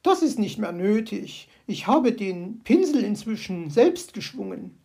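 A woman voicing a prim, touchy female magpie in a storybook audio play, scolding and indignant in a husky, gravelly voice. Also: big pitch swings, measured pace, warm tone, heavily acted. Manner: indignant, scolding, shrill outbursts.

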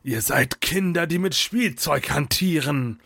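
A man's voice: fairly high pitch, unhurried, gravelly, bright, forceful tone, dry recording, studio quality, heavily acted. A man voicing a cold, hissing evil male sorcerer in an audio story. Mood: icy. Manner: icy, hissing.

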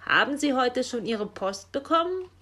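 A woman voicing a stern, bossy male raven official in a children's story, gruff and commanding, squawking "Kra" between sentences. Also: high-pitched, animated, normal speed, sharp tone, pitched above the performer's own voice, full character voice.

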